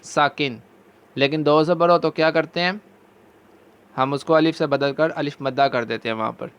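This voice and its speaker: A man with a Pakistani Urdu accent teaching Quran recitation, chanting verses slowly and drawn out between brisk explanations. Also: on the high side, fairly even intonation, a bit bright, clean tone, dull audio. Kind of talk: recitation lesson.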